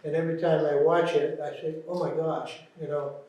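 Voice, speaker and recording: A man's voice: on the high side, little pitch movement, moderate pace, warm tone, lo-fi sound. A man introducing a discussion panel and speaking on it, earnest and emphatic. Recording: very echoey room from far off.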